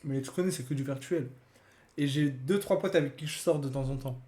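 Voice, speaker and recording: A man's voice: medium pitch, a little fast, mellow. A young man, chatting casually in slang and laughing while he reacts to a video on a live stream. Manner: slangy, laughing, repeats himself.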